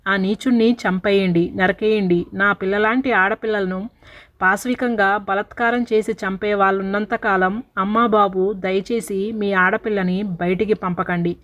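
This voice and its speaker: A woman's voice: mid-range voice, fairly even intonation, moderate pace, fairly bright tone, dull audio, close to an everyday voice. A woman voicing a grieving mother who begs other parents through tears. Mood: pleading grief. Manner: pleading, tearful.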